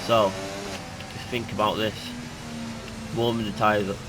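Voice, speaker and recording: Commentating a racing game, a young man who makes gaming videos on YouTube chats casually and excitably, his voice nasal from hay fever. He speaks unhurriedly with a fairly low pitch. Music plays in the background of this noisy home recording.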